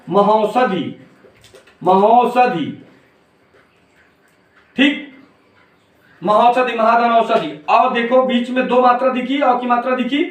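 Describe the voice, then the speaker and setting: A man's voice: very high-pitched, far from the mic. A man teaching an exam-prep grammar lesson, repeating key points and calling his students "beta". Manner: repetitive, drilling, calls students "beta". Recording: echoey room, voice off-mic.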